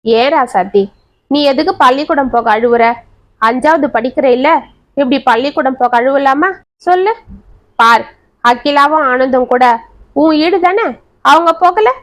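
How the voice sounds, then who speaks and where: In a high voice with a measured pace and long pauses, a woman plays a kind, protective elderly grandmother. She gently coaxes and comforts a child, sounding worried.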